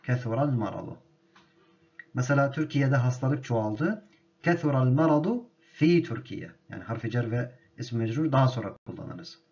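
A man teaching an Arabic grammar lesson, speaking slowly and deliberately and repeating each word so it can be drilled. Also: medium pitch, expressive, a little mellow, lo-fi sound.

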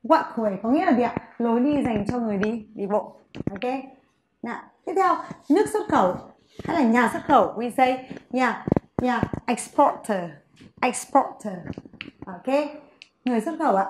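A woman English teacher giving a vocabulary lesson, saying each word slowly for her students to repeat. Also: fairly high pitch, expressive, roomy sound, background noise.

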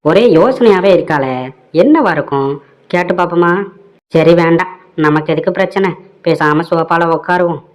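A man's voice: fairly high pitch, normal speed, lo-fi sound, lightly acted. A man voicing an easygoing middle-aged husband and father in a cartoon comedy, with a Tamil accent, muttering wryly to himself. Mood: wary.

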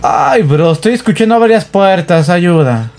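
A man's voice: on the high side, measured pace, darkish tone, slight background noise. A man commentating a horror game, nervous and jumpy, yelping and muttering prayers and dropping English slang. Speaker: gamer. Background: game music.

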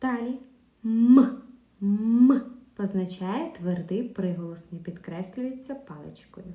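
A woman teaching a video lesson to young pupils, speaking clearly with pauses for answers and a sing-song teacher manner. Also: medium pitch, lively intonation, mellow. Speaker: primary school teacher. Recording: echoey room.

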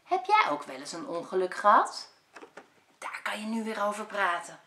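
A woman kindergarten teacher reading a picture book aloud to young children, expressive and asking them questions. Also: mid-range voice, moderate pace. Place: school room. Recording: echoey room.

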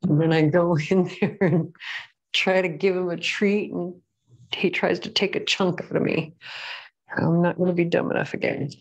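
A woman with a somewhat low voice talks her viewers through a casual tarot reading at home. She rambles in a chatty way and keeps breaking off to apologize. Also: fairly even intonation, normal speed, slightly rough, muffled recording. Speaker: tarot reader. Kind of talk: casual pick-a-card reading. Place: at home with a pet bird.

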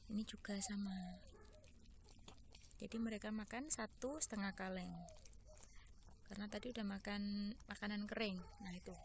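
A woman chats through a casual phone vlog as she feeds stray cats, her voice at an ordinary middle pitch. She keeps breaking off to coo and baby-talk at the animals. A faint hiss of background noise sits under her voice. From Indonesia. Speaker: vlogger feeding stray cats.

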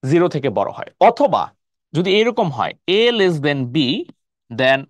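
A man's voice: a little high, very animated, measured pace, no room sound. A man teaching a live online math lesson in Bangladeshi Bengali, explaining step by step and often checking whether students follow. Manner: explains step by step, keeps asking "clear?".

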